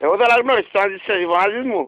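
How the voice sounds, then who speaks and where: A high-pitched, slightly bright male voice carries a Cypriot Greek accent through a radio prank call, full of theatrical pleading, rambling and cooing pet names. The radio recording is dull, with slight background noise.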